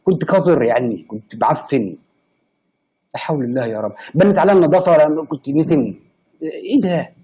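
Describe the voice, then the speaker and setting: An Egyptian man in his late twenties chatting live with viewers and reading their comments, excitable and quick to burst into indignant protest. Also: on the high side, breathy edge, low-quality recording. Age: late 20s. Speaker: live streamer.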